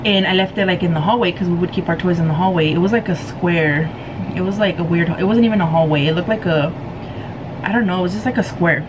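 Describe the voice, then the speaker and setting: A woman telling a story casually to viewers in an animated, giggly way, acting out what people said. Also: lowish voice, fast talker, noisy background. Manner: giggly, animated retelling with acted-out quotes. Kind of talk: casual storytelling chat to camera.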